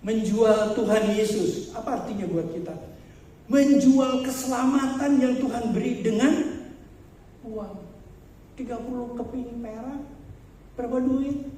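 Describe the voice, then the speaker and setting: A man's voice: sits high, dark tone, a little hiss or hum. A man preaching a sermon in a conversational style, speaking straight to his congregation and asking them rhetorical questions. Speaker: pastor. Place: large church hall. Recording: echoey church hall, mic far off.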